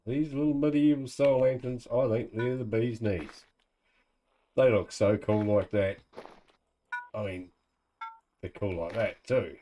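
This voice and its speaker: A New Zealand man with a broad Kiwi accent chats casually through his video game. His voice is mellow and relaxed, sitting at an average male pitch. He thinks aloud in easygoing slang, over faint noise in the recording. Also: measured pace, pauses often, poor audio. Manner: laid-back, colloquial, thinking aloud. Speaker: gamer narrating own let's play. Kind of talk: casual gameplay commentary.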